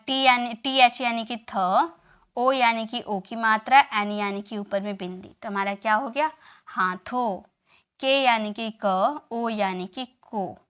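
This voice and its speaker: A woman's voice: a little high, bright, forceful tone, clean tone. A woman teaching English reading online, patiently spelling words letter by letter and answering her own questions.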